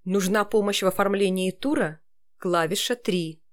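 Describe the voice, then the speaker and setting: Female, mid-pitched, phone menu voice: scripted, measured, clear announcements. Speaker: voice-over artist presenting a demo reel.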